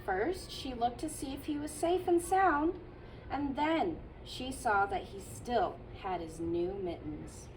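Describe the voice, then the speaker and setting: Teacher lady reading a kids' picture book, slow and soft, kinda far from the mic. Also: on the high side, lively intonation, noisy background. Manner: slow, gentle storytelling with playful asides. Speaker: childcare teacher reading aloud. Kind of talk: children's picture book read-aloud.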